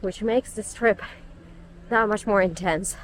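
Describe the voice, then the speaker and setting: A woman's voice: mid-range voice, a little slow, slight background noise. A young woman talking casually on a travel vlog, explaining things to the camera with frequent ums while on an outdoor guided tour in cold weather. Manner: chatty, explanatory, with frequent um fillers. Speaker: travel vlogger.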